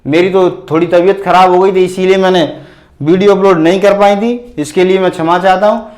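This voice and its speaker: A man teaching a grammar lesson in a video, slowly explaining with examples, repeating definitions and asking the class questions. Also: high-pitched, steady tone, darkish tone. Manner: slow, deliberate explaining with spoken examples.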